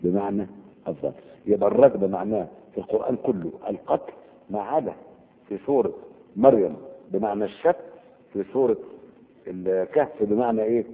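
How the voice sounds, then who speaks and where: Gravelly Egyptian man teaching in a hall. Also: fairly low pitch, big pitch swings, a little fast, pauses often. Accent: Egyptian Arabic. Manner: quizzing listeners with repeated questions. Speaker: religious teacher. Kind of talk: Quranic vocabulary lesson. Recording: tinny phone-like audio with long hall reverb.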